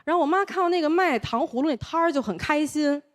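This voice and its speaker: High lively woman with a Beijing accent. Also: fast talker. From Taiwan. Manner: lively storytelling with quoted voices. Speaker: stand-up comedian. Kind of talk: stand-up comedy set. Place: comedy stage with live audience.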